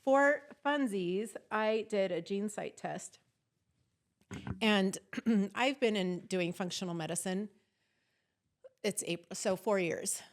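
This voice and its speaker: A chatty woman therapist talks as a podcast guest and lists what she wants to know about her clients. She clears her throat now and then as she goes. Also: mid-range voice, slow, long pauses. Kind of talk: casual conversational interview.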